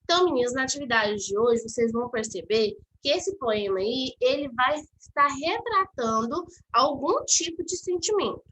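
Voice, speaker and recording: A woman's voice: sits high, animated, normal speed, hardly any pauses, a bit bright, slight background noise, low-quality recording. A woman with a Brazilian Portuguese accent, giving a patient step-by-step lesson to children as their teacher. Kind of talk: online class lesson.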